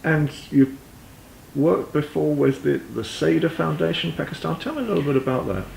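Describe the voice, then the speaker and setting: A man's voice: a little high, animated, moderate pace, gravelly, darkish tone, reverberant, slight background noise, rough recording. A man working as an interviewer who asks brief, prompting questions.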